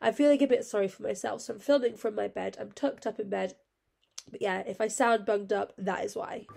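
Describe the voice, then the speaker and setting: Stuffed up with a cold, a young woman hosts her solo podcast from bed at home, rambling casually with lots of fillers. Her mid-range voice is gravelly and darkish, fairly even in intonation, and brisk.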